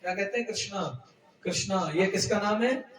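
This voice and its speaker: A man's voice: high-pitched, moderate pace, a bit bright, reverberant, recorded from a distance, poor audio. A man giving a devotional discourse as a storyteller preacher, acting out the dialogue of the story. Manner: tells the story in voiced dialogue, breaks into sung Sanskrit verses. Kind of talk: devotional scripture recitation and storytelling.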